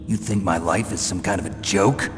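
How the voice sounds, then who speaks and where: An actor playing a gruff, weary, sardonic retired agent, speaking tersely in a video game mission briefing. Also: male voice, low voice, steady tone, normal speed, lightly acted. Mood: reluctant, defiant. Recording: long reverb, music behind. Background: music.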